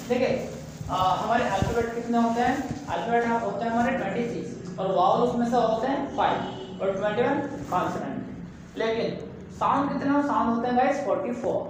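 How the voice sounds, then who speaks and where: A man's voice: extremely high pitch, background noise. Male teacher for a casual video class, chatty, keeps saying "guys", drags out demo sounds, very echoey room. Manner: keeps addressing viewers as "guys", stretching and repeating demo sounds.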